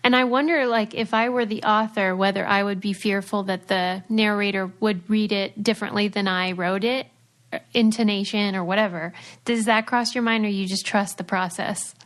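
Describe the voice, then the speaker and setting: An enthusiastic woman host asks curious questions in a relaxed, casual tone. Her pitch is in the middle range. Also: moderate pace. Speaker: podcast host. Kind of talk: casual interview chat.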